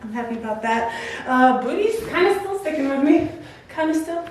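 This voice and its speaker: Woman, slightly high voice, casual giggly home-fitness vlogger, salty language, very roomy distant sound. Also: expressive, moderate pace, a crowd in the background. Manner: informal, giggly, swears freely. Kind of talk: casual chat to camera and partner. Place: indoors at home, echoey room. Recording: very echoey room, off-mic, faint hiss.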